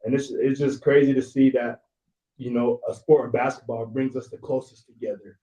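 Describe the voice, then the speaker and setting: A man's voice: medium pitch, level tone, moderate pace, mellow. A man chatting casually on a podcast panel in a laid-back way, often adding "you know". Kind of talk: casual chat. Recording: roomy, distant, dull-sounding mic.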